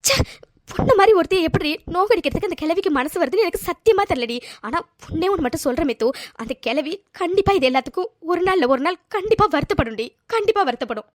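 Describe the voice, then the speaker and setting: A woman's voice: very high-pitched, animated, fast talker, no room sound, clean studio sound. Woman voicing a fiery, protective cartoon friend. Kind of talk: cartoon voice acting.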